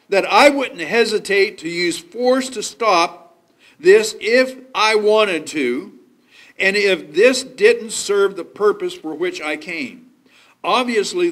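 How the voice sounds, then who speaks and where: A man with a high voice delivers a sermon at a pulpit microphone. He talks in a measured way and explains scripture point by point. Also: a bit bright. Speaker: preacher.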